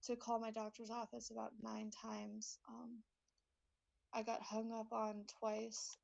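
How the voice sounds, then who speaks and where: A young woman in her twenties speaks on a dull, lo-fi phone line with the phone held away from her mouth, so she comes through faint and distant. Her breathing is labored, and her fairly high voice stays flat and gravelly as she pushes through halting sentences full of fillers. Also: slight background noise. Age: 20s. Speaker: caller. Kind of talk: casual phone call.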